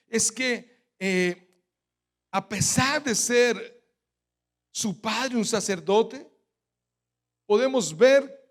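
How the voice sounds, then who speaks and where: High-voiced Colombian pastor preaching. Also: male voice. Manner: rhetorical questions, has the congregation finish his sentences; emphatic preaching cadence with sudden loud stresses. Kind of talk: sermon. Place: church.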